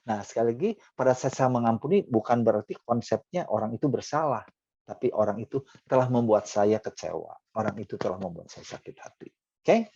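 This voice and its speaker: A middle-aged man preaching a conversational sermon with animated pitch jumps for emphasis, often dropping in English phrases. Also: fairly quick, vocal fry, dry recording, lo-fi sound.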